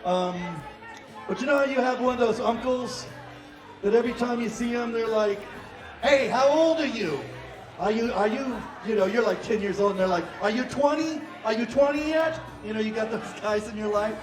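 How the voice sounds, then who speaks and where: A man in his fifties with a high voice tells a joking, chatty story as emcee, laughing as he goes. He speaks into a stage mic in a small club, taped from far off in the audience. The room echoes and a crowd murmurs behind him. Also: moderate pace, music in the background. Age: 50s. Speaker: event emcee. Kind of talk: casual stage banter and storytelling. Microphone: stand mic on stage, taped from the audience.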